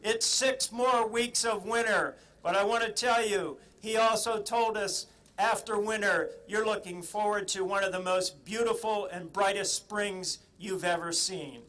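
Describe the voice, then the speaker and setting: A man's voice: high-pitched, measured pace, a bit bright, poor audio. A man acting as master of a ceremony, announcing to the crowd in an emphatic, showman-like way. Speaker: ceremony master, club president. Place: outdoor ceremony. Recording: live outdoor event noise, crowd behind.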